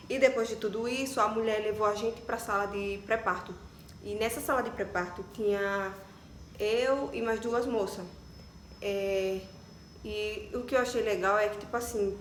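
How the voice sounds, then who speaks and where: A woman's voice: medium pitch, a little hiss or hum. A young Brazilian woman tells a personal story casually, chatting animatedly and filling her speech with little asides. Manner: chatty and animated, many fillers like "tipo" and "né". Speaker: vlogger. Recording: echoey room with faint ambience.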